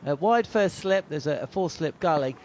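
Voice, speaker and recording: A man's voice: a little high, expressive, moderate pace, darkish tone, a little hiss or hum. A middle-aged man doing ball-by-ball cricket commentary from a commentary box, mixing play calls with rambling anecdotes and plenty of uh fillers. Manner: chatty, anecdotal, frequent uh fillers.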